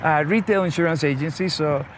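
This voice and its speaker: A man from Costa Rica, a guest in a conversational interview, speaks a little high and briskly, friendly and talkative, with many restarts. He is outdoors in a vehicle, with music playing and background noise behind him.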